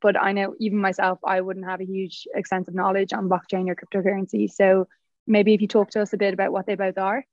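A woman's voice: mid-range voice, level tone, fast, no room sound. Young woman, dry muffled sound. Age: young adult. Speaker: podcast host, student. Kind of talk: casual interview.

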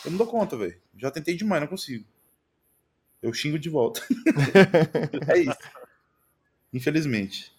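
A man's voice: a little high, moderate pace, long pauses, slightly rough. A man with a Brazilian accent, a streamer guest chatting casually and slangily about his streams. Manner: slangy, animated, repeats mano and velho. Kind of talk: casual podcast chat.

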